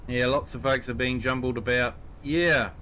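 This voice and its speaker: A man's voice: mid-range voice, fairly even intonation, normal speed, bright, forceful tone, a little hiss or hum. A man with a New Zealand accent chatting casually with viewers while streaming a game. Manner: easygoing, chatty, answering viewers. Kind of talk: casual live-stream chat.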